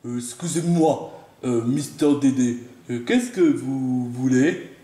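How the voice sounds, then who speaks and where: A man plays a put-upon father who stammers and hesitates at every turn. His voice sits lower than usual and moves slowly. The room has a noticeable echo. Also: warm tone, close to an everyday voice. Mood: flustered. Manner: hesitant, stammering with many "euh"s. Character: weary put-upon father, flustered and polite.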